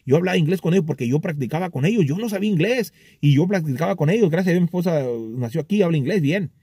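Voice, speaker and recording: A middle-aged man giving casual, animated motivational advice to lawn care workers, acting out little voices and repeating himself often. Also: on the high side, husky, no room sound, clean studio sound. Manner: animated, acts out hypothetical voices, frequent "ok" and repetitions. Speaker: lawn care business vlogger.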